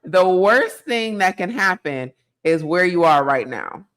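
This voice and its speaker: A woman's voice: on the low side, expressive, measured pace, a bit bright. A woman speaking as a guest business coach in a casual interview, direct and pushy, with casual slang.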